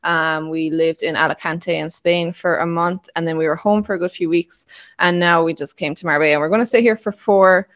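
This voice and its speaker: A woman's voice: fairly low pitch, fairly even intonation, brisk, a bit bright, lo-fi sound. A woman in her late twenties with a Kerry accent from the south-west of Ireland, chatting casually as a podcast guest. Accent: Kerry, south-west Irish. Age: late 20s. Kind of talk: casual conversational interview.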